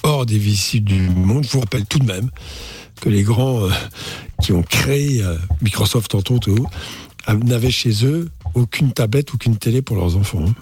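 A man's voice: lowish voice, moderate pace, darkish tone, slightly rough, dry recording. An older man giving opinionated expert advice on radio, emphatic and didactic, repeating key phrases. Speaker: doctor, radio show expert. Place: radio studio. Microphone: close studio microphone.

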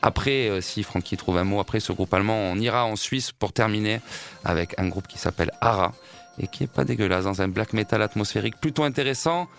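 A man hosting a radio show in casual banter, playful and repetitive, with halting restarts. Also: on the low side, vocal fry, soft background music. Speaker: radio host. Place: radio studio.

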